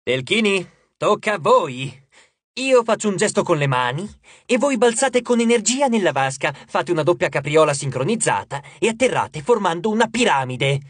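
A man voicing a pompous, grumpy male sea god who talks like a booming showman announcer, slow and loud. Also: big pitch swings, husky, no room sound, full character voice. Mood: grumbling.

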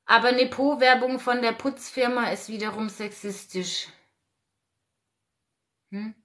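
A woman's voice: fairly high pitch, fairly even intonation, unhurried, fairly bright tone. A woman in her forties hosting a casual livestream, outspoken and ranting while reading out viewer comments. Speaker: livestream host.

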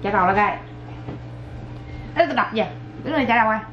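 A woman's voice: fairly high pitch, fast talker. A mother chatting at home with her toddler and her viewers, coaxing and playful, often laughing. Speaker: mother and vlogger. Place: home, indoors. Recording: dull lo-fi home video with faint noise.

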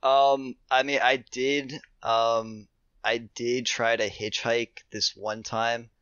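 A man's voice: medium pitch, level tone, slow pace, a bit bright, clear, resonant tone, no echo. A young man, a podcast guest, chatting casually about hiking with many fillers and restarts. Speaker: podcast guest, thru-hiker. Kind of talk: casual interview chat. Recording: dull lo-fi remote audio.

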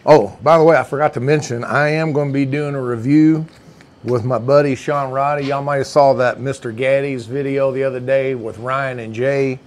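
A man, chatting casually as he reviews food in a deli, folksy and savoring each bite. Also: medium pitch. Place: indoor deli dining room.

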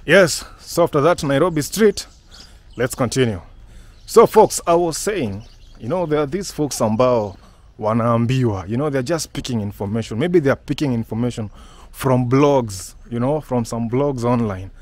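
Filming on a phone as he strolls a residential street, a house-hunting vlogger with a Kenyan accent keeps up a lively, casual patter in English and Swahili, laughing frequently. He speaks at a medium pitch and normal speed.

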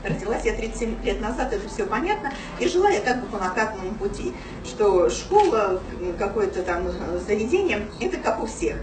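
A woman in her thirties tells her own story to a small audience at a business meeting, chatty and full of fillers. A camera across the small office room, with no mic, picks up her mid-range voice along with room echo and background noise. She is very animated and brisk, barely pausing.

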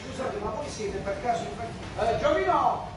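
A man acting a fussy, insistent gentleman in an amateur stage comedy, heard from a far camera in a theater hall. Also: very high-pitched, lively intonation, moderate pace. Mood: fussing. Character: fussy man demanding his dinner. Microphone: far camera in the audience. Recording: echoey hall from far off, noisy.

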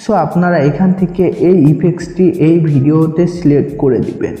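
Speaking at a normal speed in a warm, fairly high voice, a Bangladeshi-accented man voices an app tutorial, laying out each step and repeating his directions. The room echoes noticeably.

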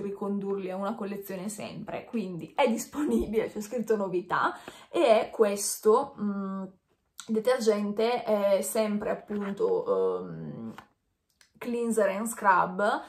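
A woman in her thirties chatting casually to camera while wearing a dental retainer, hesitant and correcting herself as she goes. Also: medium pitch. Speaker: beauty vlogger. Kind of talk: casual chat unboxing to camera. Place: small indoor room with bare walls. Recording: echoey small room.

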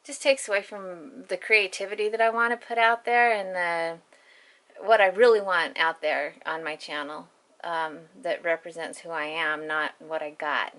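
A woman's voice: fairly low pitch, steady tone, moderate pace, a bit bright. Chatty, folksy woman vlogging casually. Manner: folksy, chatty, self-deprecating. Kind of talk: casual chat. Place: home kitchen, indoors.

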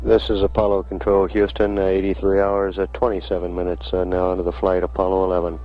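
Low, flat-pitched male mission announcer. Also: muffled recording. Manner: measured, halting, with many hesitations. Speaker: mission control public affairs announcer. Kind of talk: live mission commentary. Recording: band-limited 1960s radio broadcast, faint music.

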